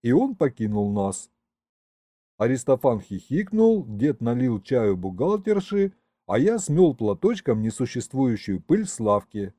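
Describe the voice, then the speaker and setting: A man's voice: mid-range voice, measured pace, no echo. A man reading a humorous fantasy audiobook in scripted narration. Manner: lively, expressive reading.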